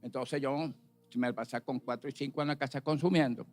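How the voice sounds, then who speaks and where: A middle-aged man giving a personal testimony in church, plain-spoken and filling his pauses with "pues". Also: mid-range voice, steady tone, darkish tone, soft background music. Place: church service.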